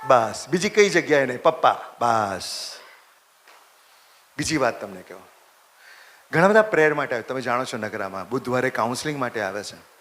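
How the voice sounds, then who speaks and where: Animated priest preaching. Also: male voice, medium pitch, normal speed, long pauses. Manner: animated, repeats phrases for emphasis, questions the congregation. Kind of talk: sermon.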